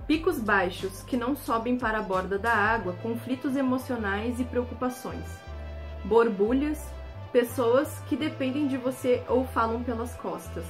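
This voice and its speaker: Brazilian woman, slightly high voice, easygoing step-by-step vlog talk, soft music under it. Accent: Brazilian Portuguese. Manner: chatty, explains step by step with hesitant fillers. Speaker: YouTube creator. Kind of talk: casual instructional talk.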